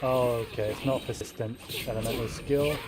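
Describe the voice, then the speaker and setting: A game streamer speaks a little fast in a medium-pitched, fairly even voice, muttering thoughts aloud and swearing now and then. Game music sounds in the background throughout.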